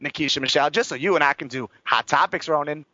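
A man's voice: a little high, fast talker, dull audio, very noisy. A man hosting a casual entertainment chat show, talking emphatically and gossipily in folksy slang. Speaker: talk show host.

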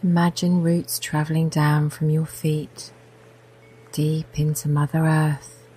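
A woman guiding a meditation in a soft voice, often slipping into a whisper. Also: sits low, flat delivery, slow pace, breathy edge, rough recording. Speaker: meditation guide. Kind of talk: guided meditation.

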